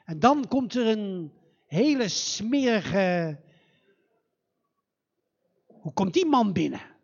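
A man telling a fairy tale live in a church, in a slow, dramatic and animated way. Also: high-pitched, creaky, lo-fi sound. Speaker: storyteller.

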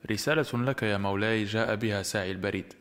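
A man reading the lines of a dutiful older housekeeper in an audiobook, in a low, matter-of-fact voice. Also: fast talker, a bit bright, soft background music, close to an everyday voice.

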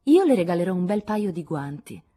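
A proper, composed eldest teenage sister, as a woman voices her. She speaks a little above the narrator's low, husky pitch. It is a storybook role. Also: sing-song, fast talker, warm tone.

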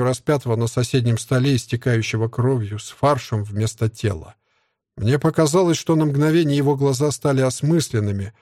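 A man's voice: mid-range voice, darkish tone, dry recording, clean studio sound. A man narrating a first-person audiobook with an intense, pained manner. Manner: intense, pained, tense storytelling.

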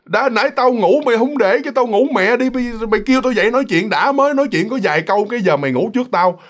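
Man voicing a cranky young man, scolding, coarse, raised pitch. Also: racing, fairly bright tone. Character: young man, grumpy friend turning scared.

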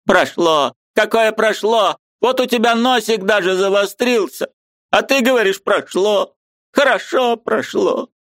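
A man's voice: high voice, a little slow, a bit bright, no room sound, studio quality, pitched above the performer's own voice. A man voicing an old woman, a fussy, agitated aunt who exclaims, pleads and repeats herself in an audiobook. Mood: coaxing.

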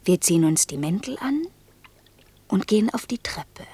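With big pitch swings around a medium pitch, an actress in a quiet, intimate German radio play voices a gentle, pensive woman gravely telling a fairy tale. Her breathy, husky narration is hushed, slow and lyrical, slipping into near-whisper, and feels tender and dreamy.

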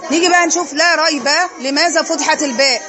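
Egyptian woman teacher, high and quick, quizzes then answers herself, class noise behind. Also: a crowd in the background. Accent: Egyptian Arabic. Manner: poses questions then answers them herself. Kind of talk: classroom lesson.

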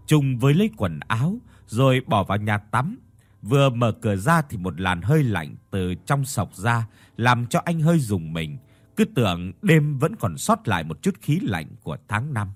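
A man narrating a ghost story audiobook in an expressive storytelling manner. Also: mid-range voice, dry recording.

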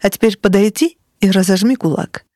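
A woman's voice: mid-range voice, a little fast, warm tone, no room sound, studio quality, lightly acted. A woman voicing a cold, domineering sorceress mother in an audiobook, speaking in an icy, scolding, sharply emphatic way. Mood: cold scorn. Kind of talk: audiobook character reading.

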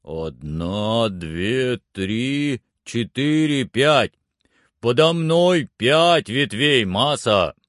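A man reading aloud and voicing an older male servant who calls down from high up a tree in a plaintive, drawn-out way. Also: expressive, a bit bright, dry recording, studio quality.

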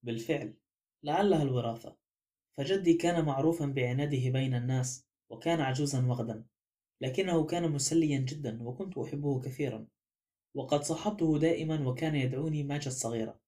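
A man's voice: mid-range voice, fast, warm tone, natural voice. A man voicing a flippant, stubborn young woman in an audiobook, with a light, mocking way of talking. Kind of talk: audiobook character reading.

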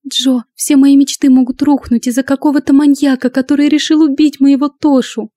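A woman doing a high, pleading young woman. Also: flat delivery, a little fast, warm tone, no room sound, studio quality, natural voice. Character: young excitable pleading woman, tiny, tearful.

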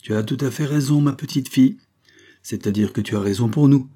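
An older guardian of a storybook, moved and choked up as he speaks, as a man voices him. The voice is dark and husky, raised somewhat above the reader's own. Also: medium pitch, brisk, voice pushed up, lightly acted. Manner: moved, throat tight.

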